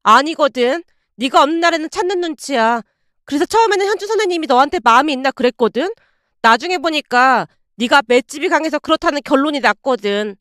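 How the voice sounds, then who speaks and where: A chatty female nurse trading hospital gossip in a confiding, knowing tone, as a woman reading a story puts her on. The voice sits high and sounds dry, with no room around it. It is told as a spoken storybook. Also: expressive, a little fast, a bit bright, no echo. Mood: teasing.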